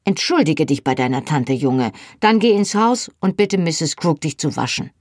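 Audiobook: woman reading a stern farm mother, husky, sharp and commanding. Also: deep voice, animated, normal speed, no room sound, studio quality. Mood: scolding, urgent. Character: stern, brisk Scottish farm mother, scolding.

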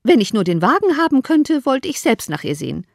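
A woman's voice: sits high, big pitch swings, brisk, creaky, no echo, heavily acted. A woman reading an audiobook, voicing a dry, sardonic middle-aged father. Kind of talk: audiobook character voice.

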